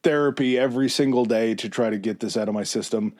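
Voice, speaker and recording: A man hosting a podcast, telling a story in a relaxed, chatty way with fillers and asides. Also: medium pitch, fast talker. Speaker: podcast host. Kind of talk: casual chat.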